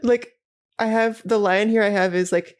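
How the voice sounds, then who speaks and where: A woman co-hosting a podcast in a casual chat, wry and quick to laugh. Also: medium pitch, fairly even intonation. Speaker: podcast co-host.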